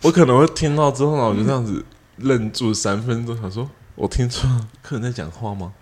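A man's voice: mid-range voice, a little fast, a little mellow, slightly rough. A man joking along in a casual podcast conversation as co-host. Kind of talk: casual comedic chat.

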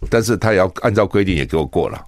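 A male talk radio host from Taiwan with a low voice that swings up and down a lot. His commentary is chatty and full of rhetorical questions, recorded at a dry studio mic. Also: expressive, rapid-fire, dry recording. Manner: chatty, asks rhetorical questions, laughs at own stories. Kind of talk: solo news commentary.

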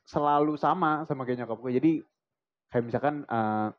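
A man's voice: medium pitch, moderate pace. A young man chatting casually on a podcast, rambling through fillers and cracking jokes in slang. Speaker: podcast co-host. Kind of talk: casual chat. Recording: slightly dull podcast recording.

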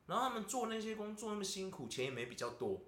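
A man's voice: high-pitched, sing-song, quick pace, a bit bright. A man with a Taiwanese Mandarin accent, hosting a podcast and venting in casual chat, constantly asking "you know?". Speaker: podcast host. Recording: roomy echo.

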